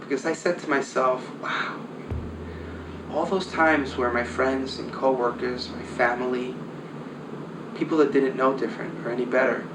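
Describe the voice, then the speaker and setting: A man's voice: medium pitch, steady tone, moderate pace. A man recalling his past in a reflective documentary interview, sometimes dropping almost to a whisper. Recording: roomy, distant mic with background noise.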